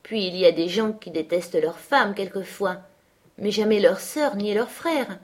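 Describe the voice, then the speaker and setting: An earnest, quick-tempered teenage girl, as a woman reader puts her on. She speaks eagerly and flares up with indignation, at a middling pitch lifted a little above the narration. It sounds like a novel read aloud. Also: darkish tone, natural voice.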